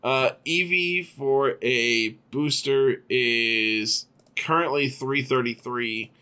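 A man with an ordinary mid-pitched voice talks loosely on a podcast, laughing easily and tossing in "man" now and then. His delivery stays relaxed and conversational. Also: slow, clear, resonant tone. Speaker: podcast co-host. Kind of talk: casual card game chat.

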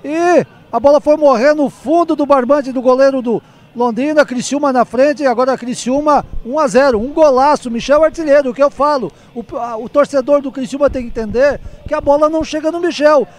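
A man with a very high voice gives a quick, breathless commentary replay of a goal. He talks in rapid bursts of short phrases. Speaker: match commentator.

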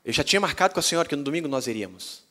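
A Brazilian-accented pastor preaches through a personal story, his voice sitting somewhat high for a man. He is animated and slips into the voices of the people he quotes. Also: racing. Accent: Brazilian Portuguese. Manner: animated, acts out dialogue. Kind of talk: storytelling sermon.

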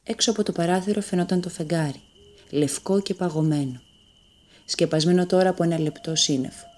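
A woman narrating a fairy tale in a calm, measured storytelling manner. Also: lowish voice.

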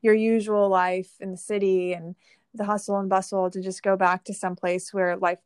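A woman interviewer with a mid-range voice, recorded dry and close with no room sound. She affirms her guest and asks measured, friendly questions at an even pace. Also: mid-range voice, clean tone, dry recording. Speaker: interview host. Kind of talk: casual interview conversation.

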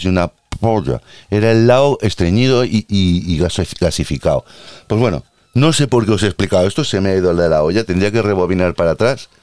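A man's voice: sits low, darkish tone, no echo. A man hosting a crude, rambling comic monologue full of self-mockery. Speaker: host.

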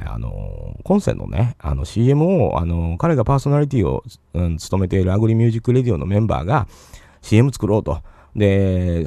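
A man's voice: low-pitched, creaky, warm tone, no echo. A man with a Kansai accent hosting a podcast, rambling chattily on his own with lots of fillers and asides. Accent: Kansai Japanese. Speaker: podcast host. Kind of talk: casual solo podcast talk.

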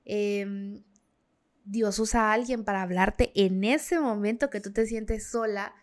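A woman's voice: medium pitch, fairly even intonation, measured pace. A woman hosting a podcast interview, recapping and asking empathetic questions. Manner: empathetic, asks gentle questions. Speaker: host. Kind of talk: casual interview chat.

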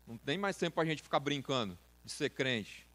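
A man's voice: mid-range voice, expressive, normal speed, fairly bright tone. A man preaching to a youth service in a casual, slangy way, speaking straight to his listeners. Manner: informal, slangy, direct address to listeners. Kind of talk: sermon.

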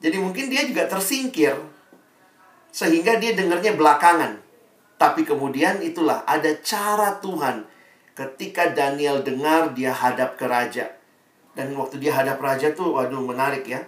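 A man preaching a sermon to young people, telling the story in a lively way and acting out the quotes. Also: a little high, normal speed. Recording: roomy sound, mic far off.

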